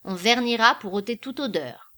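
A jovial tradesman teases and banters at a brisk clip, voiced by a woman reading a storybook. He sounds lively and familiar. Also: on the high side. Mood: teasing. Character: jovial teasing male tradesman.

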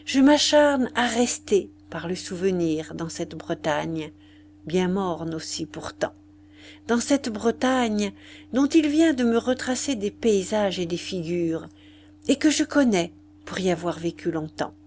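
Woman reading a story out loud, slow and steady, faint hum. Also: medium pitch. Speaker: narrator. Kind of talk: audiobook reading.

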